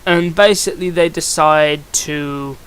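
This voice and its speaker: The comic book reviewer here is a young man whose clear, smooth voice is a touch high and fairly bright. He goes a little slowly with a steady tone, rambling casually and restarting his sentences often.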